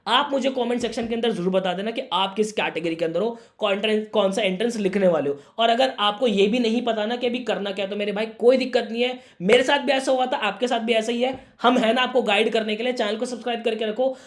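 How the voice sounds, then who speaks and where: Slightly hoarse young man giving earnest advice. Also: high voice, quick pace, hardly any pauses. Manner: earnest, brotherly, keeps calling the viewer "my brother". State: slightly hoarse from a sore throat. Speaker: career guidance YouTuber. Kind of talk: direct-to-camera advice talk for students.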